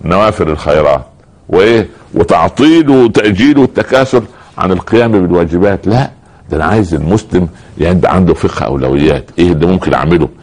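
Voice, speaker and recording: Deep fast-talking Egyptian preacher. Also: male voice, expressive, a little mellow. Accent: Egyptian Arabic. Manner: rhetorical questions, rising emphatic bursts. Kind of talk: sermon.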